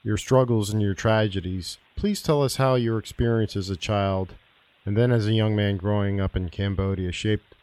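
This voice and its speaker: Radio host, male, lowish voice, polite and careful, dry close sound. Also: fairly even intonation, moderate pace, darkish tone, dry recording. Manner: courteous, with some fillers. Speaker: interview host. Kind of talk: radio interview.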